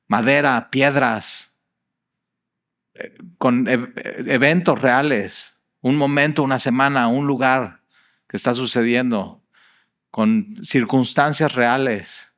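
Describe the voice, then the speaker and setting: Delivering his sermon like a lively story, this middle-aged pastor talks conversationally, with plenty of fillers and a Mexican accent. His voice sits at a medium pitch.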